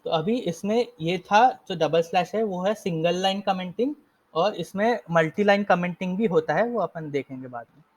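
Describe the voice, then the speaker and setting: A man's voice: high voice, moderate pace. A young man casually teaching a live coding lesson, explaining step by step and often correcting himself. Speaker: coding instructor.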